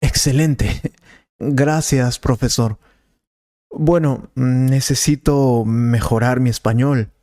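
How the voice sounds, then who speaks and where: A man's voice: mid-range voice, takes it slowly, mellow, no echo, clean studio sound. A man as an eager young male student. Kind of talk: scripted learner dialogue.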